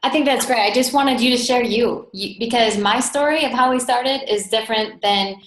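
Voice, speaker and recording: An American woman from North Dakota, a webinar host and team coach, leads an informal webinar in a chatty, enthusiastic way over an online call indoors. Her voice is a little high and fairly bright, at normal speed, with roomy echo in the recording.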